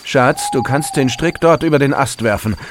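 A man's voice: medium pitch, moderate pace, background noise, natural voice. An actor playing a coldly polite, menacing killer devoted to his lover, in a crime audio play. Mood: calm menace. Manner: formal, mockingly courteous, menacing.

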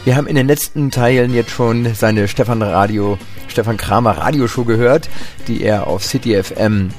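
A man presenting an archive series in casual retrospective narration. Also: medium pitch. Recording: faint guitar music behind.

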